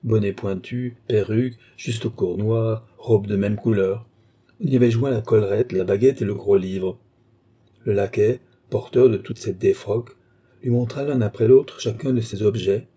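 Male narrator, literary audiobook, very dark voice, husky, measured. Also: on the low side, steady tone.

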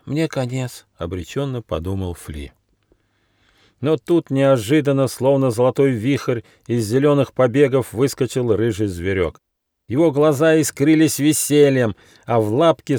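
Slow, expressive male storyteller. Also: medium pitch, no echo, clean studio sound. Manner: expressive, unhurried fairy-tale telling. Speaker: author reading his own book. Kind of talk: storybook narration.

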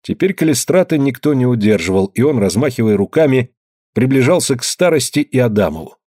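Man, audiobook narration, animated pitch, dry close sound. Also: a little fast, breathy edge, no echo. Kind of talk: scripted narration.

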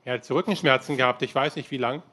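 A man interpreting a sermon live, translating quickly with frequent filler sounds. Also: mid-range voice, bright, forceful tone. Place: church hall.

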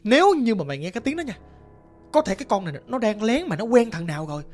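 A man voicing the protagonist's young male friend, who talks rapidly and bluntly in a Southern Vietnamese accent. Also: sits high, sing-song, soft background music.

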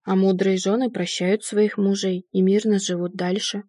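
A woman reading the lines of a calm, condescending husband who cheated on his wife, in an audiobook. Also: medium pitch, normal speed, no room sound, clean studio sound, close to an everyday voice. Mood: smug. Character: unfaithful husband, middle-aged man, smug and dismissive.

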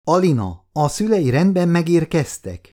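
A woman's voice: low-pitched, very animated, warm tone, voice pushed up. A man doing a proud elegant grandmother. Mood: wry.

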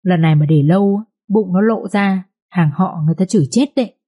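A woman voicing a heartbroken young village woman who pleads tearfully, in a husky voice. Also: medium pitch, a little fast, dark tone, lightly acted. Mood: pleading.

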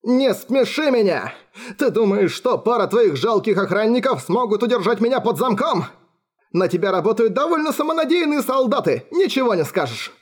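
A man's voice: sits high, very animated, normal speed, pitched above the performer's own voice. A man voicing an unhinged, mocking young man in an audiobook, his lines sneering and maniacal. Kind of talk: audiobook character voice.

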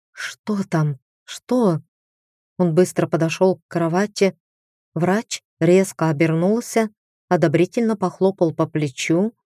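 A woman narrates an audiobook in a calm, even storytelling voice, and she only lightly shades the dialogue. Her voice sits low and mellow. The recording is dry and close, with no room sound. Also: no echo.

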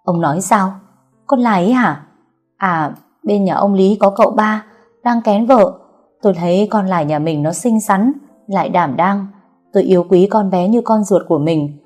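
A woman's voice: medium pitch, normal speed, darkish tone, soft background music, lightly acted. A woman voicing an older mother who pleads tearfully with her husband. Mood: scheming. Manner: pleading, wheedling.

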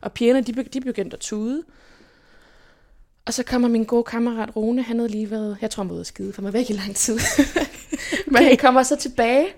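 A young woman from Denmark, telling stories from her life as an interview guest in a lively way and acting out what people said. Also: on the high side. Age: young adult. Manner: lively, animated retelling with quoted inner speech. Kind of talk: casual personal storytelling.

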